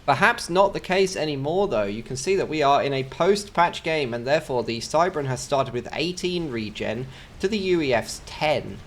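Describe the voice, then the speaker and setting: A man's voice: fairly high pitch, lively intonation, normal speed, hardly any pauses, slight background noise. An English man casting a strategy video game in a chatty way, with joking asides between the play-by-play. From England. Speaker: game caster.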